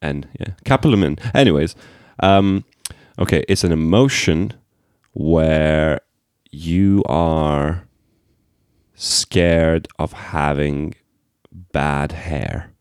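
A man co-hosting a podcast in casual, jokey, animated chat. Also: rumbling low, extremely slow, clean tone, dry recording, studio quality. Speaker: podcast co-host.

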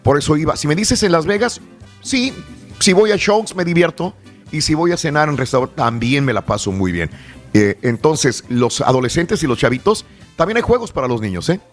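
Radio host, man in his forties, lively pitch swings, high voice, faint music under. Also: moderate pace. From northern Tamaulipas and South Texas. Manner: lively, chatty, reads listener messages aloud. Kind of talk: casual radio chat.

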